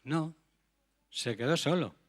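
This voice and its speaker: A man's voice: a little high, lively intonation, slow. Earnest male preacher. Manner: earnest, rhetorical questions to the congregation. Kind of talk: sermon.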